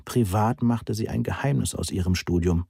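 Low, husky male audiobook narrator. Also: normal speed, dark tone, no room sound, clean studio sound. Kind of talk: scripted first-person narration.

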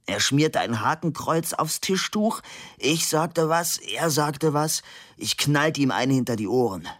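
A man's voice: on the high side, lively intonation, unhurried, pitched above the performer's own voice. A man voicing a furious wounded young worker. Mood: bitter. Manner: shouting, bitter and defiant.

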